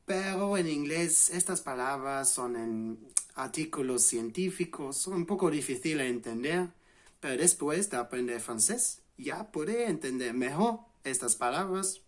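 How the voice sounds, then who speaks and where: An English man in his late twenties, a native speaker with an English accent, hosts a language channel and gives a relaxed lesson to camera. His voice sits on the high side, and he often pauses and restarts with fillers.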